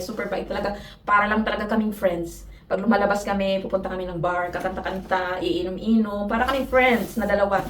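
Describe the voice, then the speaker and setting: Chatty Filipina vlogger in an echoey room. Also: female voice, medium pitch, recorded from a distance. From Philippines. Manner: chatty, giggly, often says "mga my guys". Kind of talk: casual vlog chat. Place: at home. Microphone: phone camera. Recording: roomy echo, off-mic, noisy.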